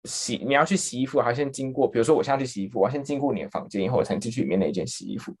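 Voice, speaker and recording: A man's voice: medium pitch, rapid-fire, breathy edge. A young man casually telling a story as a podcast host, acting out quotes and laughing often. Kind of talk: casual chat.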